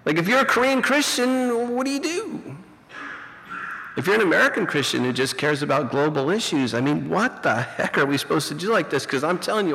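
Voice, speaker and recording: A man's voice: a little high, a bit bright. A middle-aged man preaching a conversational, reflective sermon as a pastor and teacher, full of "you know", heard through a fuzzy, distorted recording. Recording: distorted, reverberant hall recording.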